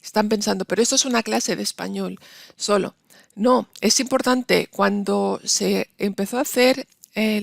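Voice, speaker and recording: A woman teaching a university Spanish linguistics lecture, explaining patiently and slowing down to stress example words. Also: medium pitch, vocal fry, dry recording, clean studio sound.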